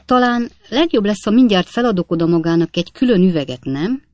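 A woman playing a jolly bossy old gentleman. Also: mid-range voice, animated, no room sound, pitched above the performer's own voice, lightly acted. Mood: jovial. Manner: bossy, cheerful and hasty.

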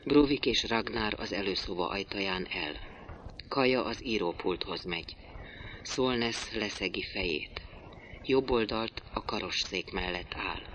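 A man reading a play's stage directions aloud in a quiet, subdued way. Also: fairly low pitch, lo-fi sound, a little hiss or hum. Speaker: reader.

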